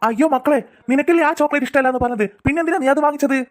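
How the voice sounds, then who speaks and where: A woman's voice: sits high, rapid-fire, close to an everyday voice. A woman doing a flustered apologetic cartoon dad. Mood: pleading. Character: soft pleading father, flustered and apologetic. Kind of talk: cartoon voice acting.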